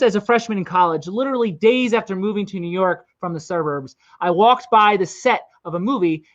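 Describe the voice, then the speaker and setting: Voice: mid-range voice, fairly bright tone. Chuckling film podcast host, dull sound. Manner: anecdotal, chuckling storyteller. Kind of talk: casual film podcast chat.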